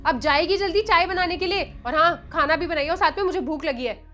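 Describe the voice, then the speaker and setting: Actress as insulting young daughter-in-law, commanding, high voice, light music behind. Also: female voice, brisk, pushed and bright. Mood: contemptuous.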